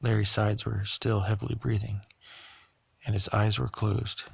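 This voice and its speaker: Guy reading an audiobook, low husky voice, trips on a word now and then, dry close sound. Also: unhurried, dry recording. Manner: steady reading with occasional stumbles and self-corrections. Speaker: audiobook reader. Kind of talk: audiobook narration.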